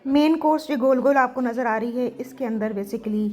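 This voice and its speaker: A woman's voice: fairly high pitch, normal speed, darkish tone, some chatter behind. Chatty woman narrating a travel vlog. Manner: casual and chatty, sometimes forgetful. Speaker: travel vlogger.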